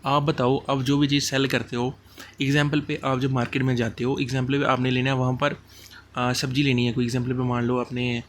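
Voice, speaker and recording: A man teaching English idioms for an exam, explaining each in casual Hindi mixed with English and slowing down over the English phrases. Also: medium pitch, flat delivery, a little hiss or hum.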